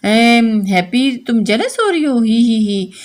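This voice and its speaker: A woman's voice: fairly high pitch, animated, measured pace. A woman voicing an emotional, lovesick young man in an audio novel reading, speaking earnestly and pleadingly. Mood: teasing.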